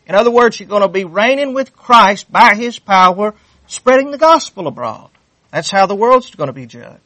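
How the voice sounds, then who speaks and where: A man's voice: sits high, fairly bright tone, no echo. A man preaching a sermon, fervent and repetitive, reading scripture aloud with rising intensity. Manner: fervent, repeats phrases, reads scripture aloud.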